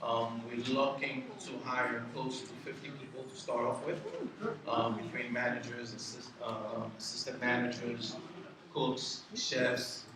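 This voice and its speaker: A Haitian-born man who owns a business, giving a halting presentation to a community board with many ums and restarts. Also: mid-range voice, flat delivery, a crowd in the background. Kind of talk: public meeting presentation. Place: community board meeting room. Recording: roomy hall, distant mic, background noise.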